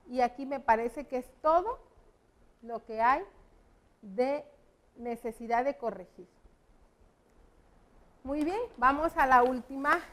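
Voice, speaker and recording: A woman's voice: sits high, fairly bright tone. A woman, a primary school teacher on an educational TV lesson, patiently explaining spelling rules step by step to children. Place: TV classroom set with a whiteboard.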